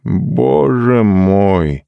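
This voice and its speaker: A man voicing a sentimental, tearful young man who talks slowly with grand solemnity. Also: medium pitch, animated, dry recording, lo-fi sound, voice pushed up, natural voice. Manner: slow, weepy and grandly solemn.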